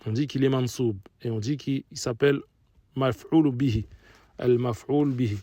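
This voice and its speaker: A man's voice: medium pitch, steady tone, moderate pace, warm tone, no room sound. A man teaching an Arabic revision lesson in French, patiently repeating each Arabic example.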